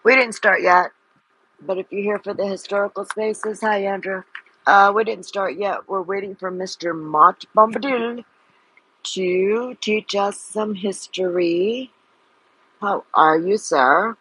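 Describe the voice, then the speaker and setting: A woman's voice: medium pitch, unhurried, fairly bright tone, husky, dry recording, low-quality recording. Giggly chatty woman hosting a live chat. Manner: giggly, chatty, laughs often. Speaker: host of an audio chat room. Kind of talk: casual chat.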